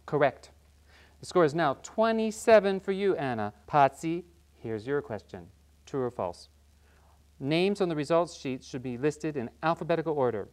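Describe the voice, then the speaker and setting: A performer playing an upbeat quiz show host who briskly announces questions and scores in a scripted game show parody. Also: medium pitch, expressive, darkish tone, natural voice.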